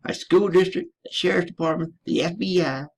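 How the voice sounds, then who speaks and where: A military veteran from the United States delivers a profane, emphatic ranting monologue, addressing his listeners as ladies and gentlemen. His voice is high and brisk, with vocal fry.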